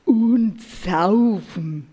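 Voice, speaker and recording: A woman voicing a sleepy, boozy male ox in a spoken animal fable, with a low, gruff delivery. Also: extremely slow, dark tone, in a large hall. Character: grumpy sleepy male ox, likes a drink.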